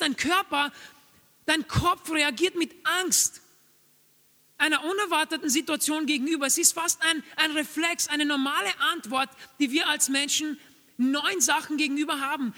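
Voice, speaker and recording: Male preacher, very high voice, earnest and urging, long hall reverb. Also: creaky, sharp tone. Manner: earnest, urging, repeats key phrases. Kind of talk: sermon.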